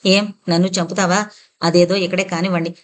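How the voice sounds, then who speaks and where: A woman's voice: fairly low pitch, little pitch movement, fairly quick, natural voice. A woman narrator voicing an enraged young woman who scornfully accuses a group of killers. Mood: outraged.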